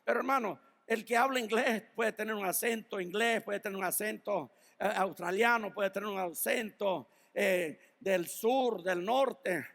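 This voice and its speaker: A man's voice: high-pitched, a little slow, vocal fry, few pauses, fairly bright tone, big-room sound. A man preaching a sermon as pastor, reading Bible verses and telling stories, sometimes laughing at them. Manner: storytelling, laughs at his own stories; reads Bible verses then applies them to the listeners.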